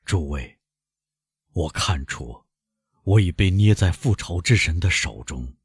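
A man voicing a broken middle-aged male prosecutor who speaks in a low, choked, halting voice. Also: animated, slightly rough, dry recording, clean studio sound, full character voice.

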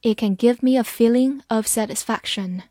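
A woman teaching English vocabulary, spelling words out letter by letter and reading example sentences slowly. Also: fairly high pitch, mellow, no echo, clean studio sound. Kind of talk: vocabulary lesson.

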